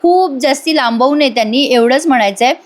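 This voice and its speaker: A woman's voice: high voice, a little fast. A woman giving a chatty voice-over review of a TV serial episode, retelling scenes and talking straight to her listeners. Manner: chatty, addresses listeners directly.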